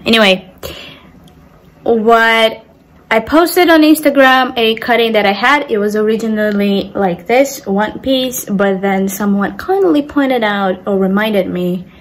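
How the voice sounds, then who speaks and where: A woman from Brazil explaining plant cuttings in a casual how-to vlog, chatty and self-correcting as she handles her plants at home. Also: medium pitch. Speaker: plant vlogger. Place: home room with plants and a humidifier.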